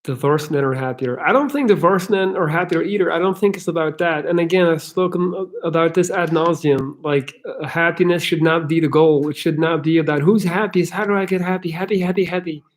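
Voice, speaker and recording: A man's voice: on the high side, a little fast, few pauses. Frank Belgian man with an American accent. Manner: rambling, frank, restarts often. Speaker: livestream host answering chat questions. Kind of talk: casual live chat.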